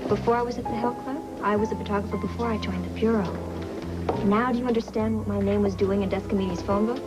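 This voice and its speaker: A woman's voice: mid-range voice, fairly even intonation, fast talker, over loud music, close to an everyday voice. An actress playing a frank, secretive female government agent in soap opera dialogue. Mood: guarded, explaining.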